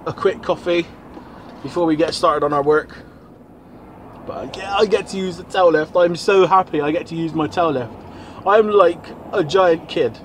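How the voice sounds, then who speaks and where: A man's voice: high voice, slight background noise. A man giving a blokey, informal video diary as a vlogger. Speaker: vlogger and van driver. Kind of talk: casual video diary chat.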